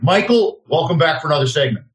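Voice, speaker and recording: A brash, self-assured show host in his fifties runs an interview program, interrupting with questions. His voice is fairly high, animated, and fast, and the recording carries a roomy echo.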